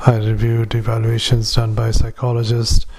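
A male doctor dictating notes into a dictaphone at a retirement community, halting with frequent fillers and reading punctuation aloud. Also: mid-range voice, completely flat delivery, a little mellow. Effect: dictaphone recording. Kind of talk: medical dictation.

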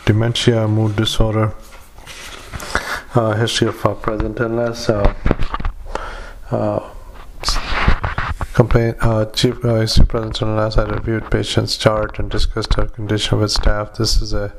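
Flat-voiced male doctor on a dictaphone recording. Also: fairly low pitch, noisy background. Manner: halting, many fillers and self-corrections. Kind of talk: medical dictation.

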